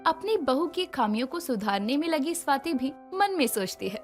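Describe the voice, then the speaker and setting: A woman narrating a moral story in a scripted, expressive way. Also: high voice, normal speed. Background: background music.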